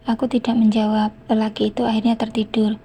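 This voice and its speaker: A woman reading a novel aloud in the first person, calm and even. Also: on the high side, fast talker, husky. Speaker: novel reader. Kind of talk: first-person audiobook narration.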